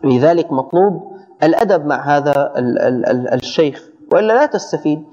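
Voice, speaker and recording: A man teaches a religious lesson in quick, high, lively speech. He often trips over a word and repeats it before pressing on. The sound is dull and muffled, with a long hall echo. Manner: animated, stumbling restarts, repeats phrases for emphasis.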